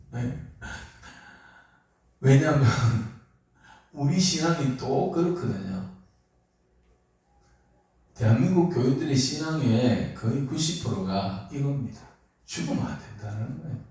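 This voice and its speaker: A man preaching a sermon as pastor, asking his congregation questions as he goes. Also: medium pitch. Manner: lively, asks the congregation questions. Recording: echoey hall, mic far off.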